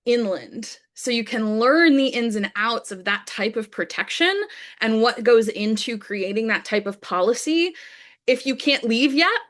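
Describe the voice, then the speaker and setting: A woman's voice: a little high, lively intonation, a little slow, fairly bright tone. A young woman hosting an online youth training session, enthusiastic and full of fillers. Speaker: webinar host. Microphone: video call.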